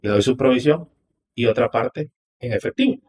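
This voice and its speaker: A man's voice: medium pitch, animated, normal speed, a little mellow, slight background noise. A man from Honduras, a podcast guest who tells a story animatedly and quotes each line of dialogue. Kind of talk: storytelling interview.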